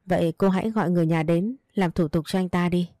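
A woman reads out a brisk, polite hospital nurse in a spoken story. The voice is low and mellow with dry, close sound. She talks plainly and gets to the point. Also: steady tone, no room sound, natural voice. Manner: brisk and matter-of-fact.

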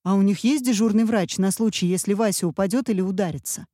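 A woman voicing a nervous, fussy husband who keeps shouting anxious questions, in an audiobook reading. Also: mid-range voice, fast, dry recording, clean studio sound, natural voice. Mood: agitated. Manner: agitated, nagging questions.

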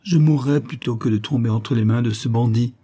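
A man's voice: medium pitch, fairly quick, dark tone, natural voice. A man voicing a frightened young woman in an audiobook, urgent and pleading. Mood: resolute. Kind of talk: audiobook character voice.

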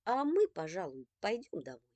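A playful, patient mother calms her children in a soothing, conciliatory tone, as a woman reading the storybook puts her on. The voice is close and dry, with a lively, moving pitch. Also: normal speed, dry recording.

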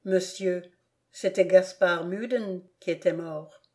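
Woman doing a quiet, proud, wounded boy, gentle replies, slow, storybook reading. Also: fairly low pitch, fairly even intonation. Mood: wounded dignity. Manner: soft, restrained replies. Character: humiliated but dignified young son, a boy.

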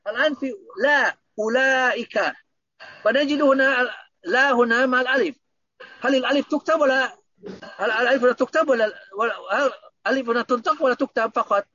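A man's voice: extremely high pitch, quick pace, sharp tone, dry recording, dull audio. A man teaching Arabic grammar online, patiently repeating points and quizzing his students.

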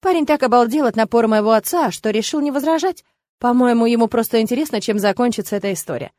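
A woman reading a first-person novel aloud in a lively, expressive way. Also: a little high, quick pace, no echo, clean studio sound. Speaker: audiobook narrator. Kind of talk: first-person audiobook narration.

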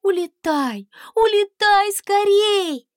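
A woman's voice: extremely high pitch, animated, measured pace, no room sound, studio quality, voice pushed up. A woman voicing a brave, spirited young princess who speaks urgently and commandingly.

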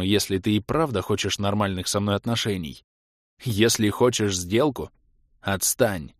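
A man's voice: mid-range voice, no echo, natural voice. A man voicing a blunt, defiant young male hero in a dry, close recording.

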